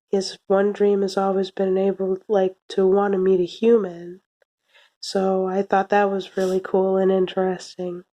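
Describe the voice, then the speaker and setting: Young female reviewer, soft and slightly cracked from illness, mellow tone, unhurried delivery. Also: mid-range voice. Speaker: video reviewer. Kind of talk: casual anime review to camera. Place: small room indoors. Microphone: phone or webcam at arm's length.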